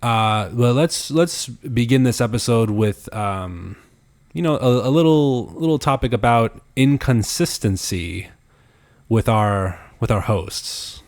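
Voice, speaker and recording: A man's voice: medium pitch, takes it slowly. A young man hosting a casual podcast chat, teasing his guest and laughing often. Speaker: podcast host.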